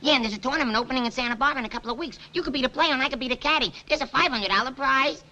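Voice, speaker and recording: An actor playing a nervous, high-strung young man who stammers and rushes his words in a 1950s film comedy. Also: pushed and bright, lo-fi sound, heavily acted. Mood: eager. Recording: faint hiss on a 1950s film soundtrack.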